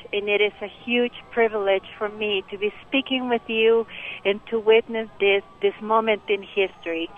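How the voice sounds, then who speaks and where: Earnest woman on a phone line. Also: mid-range voice. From Mexico. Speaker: radio call-in listener. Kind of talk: earnest personal testimony. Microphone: telephone. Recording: narrow, tinny phone line.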